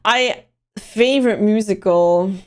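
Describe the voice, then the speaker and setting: Speaking slowly in a mid-range voice, a young Belgian livestream host whose first language is Dutch chats casually, rambling and responding to chat messages as they appear.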